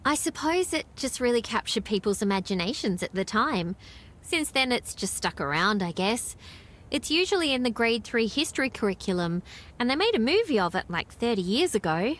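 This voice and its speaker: A woman's voice: on the high side, very animated, normal speed, fairly bright tone. An actress with an Australian accent playing a friendly, knowledgeable small-town woman in video game dialogue, chatty and explanatory. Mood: informative.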